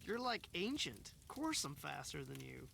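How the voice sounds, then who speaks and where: An actor playing a laid-back, slangy young art grad student in a mystery game. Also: male voice, fairly high pitch, very animated, measured pace, creaky, sharp tone, slight background noise, full character voice. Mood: mocking. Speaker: game character.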